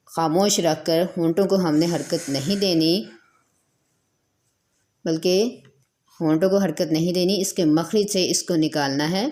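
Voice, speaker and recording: Woman, recitation teacher, lowish voice, patient, repeats herself, stretches out letter sounds. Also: dark tone. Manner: repeats points, draws out letter sounds as models. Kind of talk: slow explanatory teaching.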